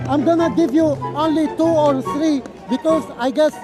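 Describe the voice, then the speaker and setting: Guy with a really high voice, pushy, keeps restarting, outdoor debate w music behind. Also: rough recording. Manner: insistent, halting with many restarts. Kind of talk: street debate. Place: outdoors in a city park.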